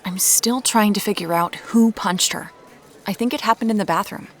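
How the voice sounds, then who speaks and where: A woman plays a determined amateur detective hunting her sister's killer in a naturalistic audio drama. Her delivery is dry, frank and stubborn, with a thoughtful, probing mood. Her voice is natural and medium-pitched, at a normal speed.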